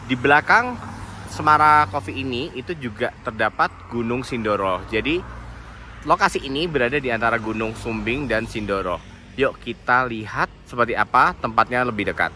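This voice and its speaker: With a mid-range, sharp-toned voice, the man speaks animatedly at a moderate pace over slight background noise. He's a vlogger walking through a mountain cafe and guesthouse, indoors and outdoors, recording on a handheld phone and pointing things out in a friendly, informal way.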